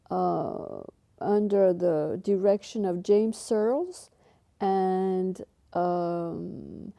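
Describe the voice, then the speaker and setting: An older woman from Mexico who grew up in Belgium, recalling her past as an interviewee in an unhurried, halting way with many fillers and restarts. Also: medium pitch, muffled recording. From Mexico, raised in Belgium. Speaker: interviewee, painter. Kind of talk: interview recollection.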